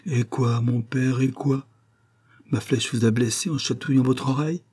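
A man's voice: mid-range voice, fairly even intonation, normal speed, a little mellow, breathy edge, voice pushed up, lightly acted. A man voicing a playful teenage boy archer in a storybook reading, teasing and sing-song.

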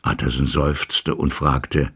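A man narrates a classic novel with measured, dramatic storytelling. His voice sits very low, with a heavy gravelly fry and a strongly husky grain. His pitch moves in wide, lively swings through each sentence. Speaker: audiobook reader. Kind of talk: scripted literary narration.

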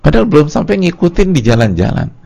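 A man with an Indonesian accent preaching at a religious study lecture, telling a story with lively, acted-out quoted voices. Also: on the high side, fast, gravelly. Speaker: Islamic preacher.

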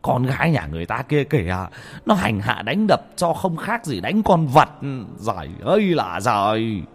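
Man voicing an older father, commanding, hot-tempered, husky. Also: sits low, big pitch swings, fast talker, full character voice. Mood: furious. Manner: barking threats, curt orders.

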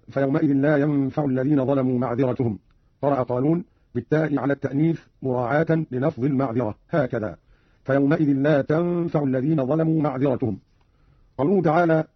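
A man's voice: medium pitch, husky, dry recording, muffled recording. A man giving a formal, scripted scholarly explanation, quoting verses and then explaining them, from an archival radio recording. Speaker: teacher explaining recitation variants.

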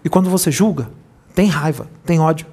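Man, spiritual medium, channeled sermon, somewhat high voice, husky, admonishing, rhetorical questions. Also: brisk, darkish tone.

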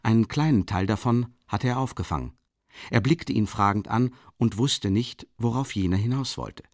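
A man narrating a literary audiobook in a measured way, letting his phrase ends sink low. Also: no room sound, clean studio sound.

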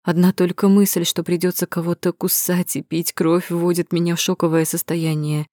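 A woman voicing a shy, timid young woman in an audiobook, speaking softly and hesitantly. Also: fairly low pitch, little pitch movement, moderate pace, dry recording, clean studio sound, lightly acted. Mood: earnest. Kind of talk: audiobook reading.

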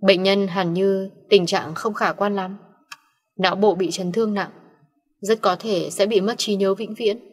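A male hospital doctor reporting in a formal, measured manner, voiced by a woman narrating. The voice stays at a middle pitch. A long reverb washes over the audio. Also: steady tone, breathy edge. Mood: grave.

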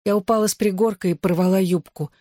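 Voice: medium pitch, steady tone, quick pace, dry recording, studio quality, natural voice. A reader voicing a shy, flustered teenage girl in an audiobook. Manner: soft and hesitant. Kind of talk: audiobook dialogue.

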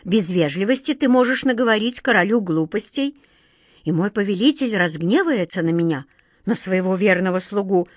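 A woman's voice: mid-range voice, animated, normal speed, dry recording, clean studio sound, natural voice. A woman voicing a big, dutiful and anxious male genie who speaks solemnly. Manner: solemn, formal, worried.

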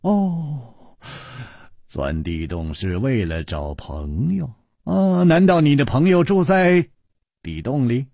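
A man voicing a calm, confident swordsman hero who speaks in an unhurried, teasing way. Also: medium pitch, gravelly, dry recording, studio quality, exaggerated voice.

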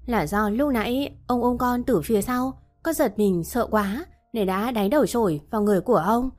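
A woman's voice: on the high side, moderate pace, a little mellow, faint music behind, close to an everyday voice. A woman voicing a timid young orphan maid who answers politely and fearfully. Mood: meek. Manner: meek, polite.

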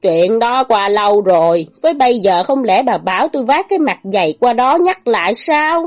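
A woman's voice: fairly high pitch, lively intonation, moderate pace, faint music behind, close to an everyday voice. A woman doing a worried old village teacher. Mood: distressed. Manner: pleading, anxious, sometimes indignant.

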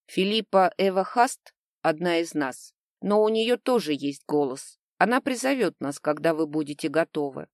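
A woman's voice: low-pitched, lively intonation, moderate pace, darkish tone, dry recording, studio quality. A woman voicing a powerful male necromancer who is in charge and speaks in a solemn, commanding way.

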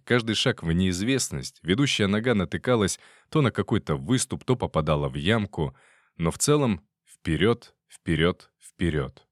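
A man reads a first-person audiobook in a steady, tense storytelling voice. His tone sits low, and the recording is dry and close with no room sound. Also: dry recording. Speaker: audiobook narrator.

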